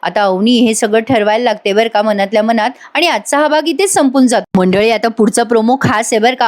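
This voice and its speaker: A woman narrates a TV serial episode in a chatty, animated voice-over. Her voice sits a little high and she keeps the retelling lively. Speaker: TV serial reviewer. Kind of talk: casual voice-over episode recap. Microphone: voice-over mic.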